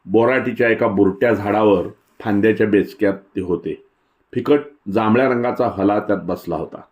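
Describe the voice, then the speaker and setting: A man narrating a literary short story in a measured, descriptive way. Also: fairly low pitch, lo-fi sound. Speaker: story reader.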